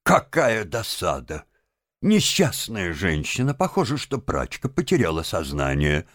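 A kindly gentleman motorist , as a man reading the book plays him, fusses in hearty exclamations that leap around in pitch. The recording is close and dry. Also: wildly swooping pitch, unhurried, dry recording, full character voice. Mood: concerned.

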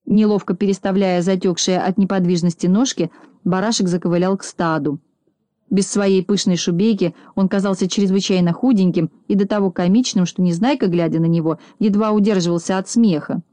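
A woman reading a children's storybook aloud in a calm, measured narration. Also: mid-range voice, dry recording. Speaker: audiobook narrator.

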